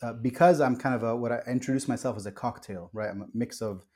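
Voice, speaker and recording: A pastor born in Kuwait and raised in the US speaks earnestly and reflectively in a podcast interview. His mid-range voice is mellow and quick-paced, and he restarts sentences and uses fillers often.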